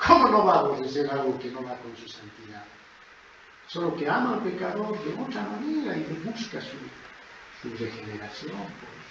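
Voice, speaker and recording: Man preaching in a church, goes quiet then booms out, bit high voice, super echoey and muffled. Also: sing-song, normal speed. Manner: emphatic, swings from soft to loud. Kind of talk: sermon. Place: church hall. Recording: echoey church, dull lo-fi sound, noisy.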